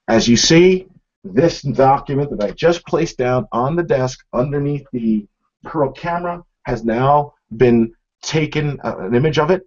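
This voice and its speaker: In a small indoor office, a middle-aged man gives an informal product demo, explaining things conversationally straight to viewers. His mid-range voice is animated and a little mellow, with a measured pace. The webcam stream sounds dull and lo-fi.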